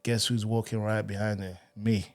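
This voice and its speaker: A young man from Ghana, a guest on a podcast, telling stories from his life in a relaxed, easygoing way. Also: fairly low pitch, normal speed. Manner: laid-back, storytelling, laughs often. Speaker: podcast guest, singer and worship leader. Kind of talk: casual interview chat.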